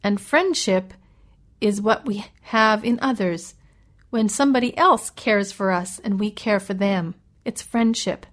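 A woman teaching English vocabulary, reading short stories aloud and patiently explaining and spelling out words, asking the listener gentle questions. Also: medium pitch, unhurried. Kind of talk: slow explanatory reading lesson.

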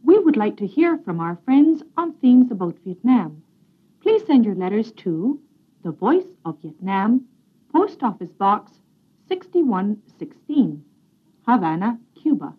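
A woman radio announcer heard on an old 1968 broadcast recording, reading formal station announcements slowly and deliberately. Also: mid-range voice, sing-song, breathy edge, phone-quality sound. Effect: old 1968 shortwave radio recording.

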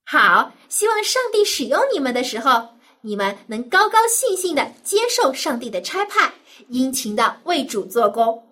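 High-pitched woman reading a story to small children. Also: sing-song, normal speed. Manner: gentle, simple storytelling as if reading to a toddler. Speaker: children's Bible story host.

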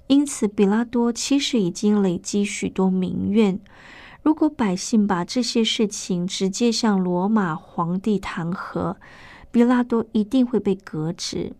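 A woman delivers a scripted Bible teaching at an ordinary middle pitch. She speaks in a measured, explanatory way and asks rhetorical questions, close to the mic in a dry, dead room. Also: darkish tone, no room sound.

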